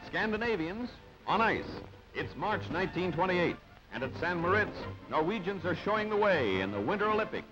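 On an old newsreel soundtrack that is dull and band-limited, with music behind him, a man reads scripted narration at normal speed. His high voice is very animated, and he sounds clipped, punchy and dramatic.

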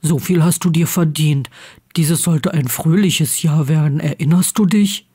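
A woman voicing a blunt, stubborn teenage boy wizard who grumbles low and keeps his voice hushed. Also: a little slow, slightly rough. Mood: irritated.

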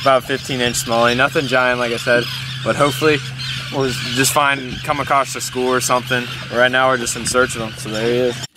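A man's voice: medium pitch, little pitch movement, a little fast. Young man vlogging outdoors, easygoing and rambling. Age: young adult. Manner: easygoing, rambling, lots of "uh" and "you know". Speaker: fishing vlogger. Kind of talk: casual vlog narration. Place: outdoors by a truck, then on a boat on a lake. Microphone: handheld camera close to face, later camera mounted on boat. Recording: noisy outdoor camera audio. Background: wind, engine and water noise.

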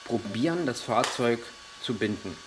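A man's voice: medium pitch, animated, normal speed, noisy background. A man giving a hands-on tutorial on a model truck, explaining each step while he handles the parts, with frequent hesitations. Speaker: RC model reviewer.

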